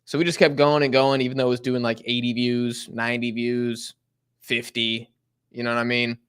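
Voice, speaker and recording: Reacting live to a football match, this young host reads out chat messages and rambles slangily, using plenty of fillers and erupting in sudden excitement at the game. His mid-range voice is clear and resonant, at a normal pace.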